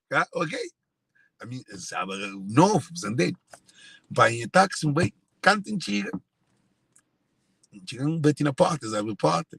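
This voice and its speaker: A man's voice: a little high, gravelly, a bit bright, breathy edge, no room sound. A Cape Verdean man speaking in an emotional monologue to viewers, repeating and circling back to his phrases. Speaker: speaker sharing personal family story.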